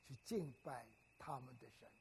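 A man's voice: mid-range voice, animated, moderate pace, a little mellow, slight background noise. An older man preaching a sermon in a teacherly way, often putting questions to the congregation.

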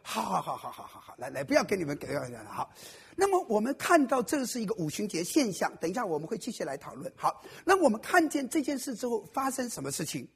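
A pastor with a high, husky voice delivers a sermon to a live church congregation, his pitch swinging widely as he talks quickly with vocal fry and few pauses. He's playful throughout, cracking jokes and quizzing his listeners.

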